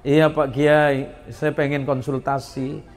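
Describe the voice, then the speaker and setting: A man voicing a timid housewife who complains to a preacher about her husband, in a slow, hesitant, plaintive way. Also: low-pitched, flat delivery, darkish tone, some chatter behind.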